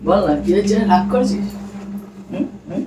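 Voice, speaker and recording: A man's voice: high-pitched, animated, moderate pace. A man at home talking casually, coaxing and pleading as he repeats the same questions. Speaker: husband being pranked. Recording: roomy echo, distant mic, faint background noise.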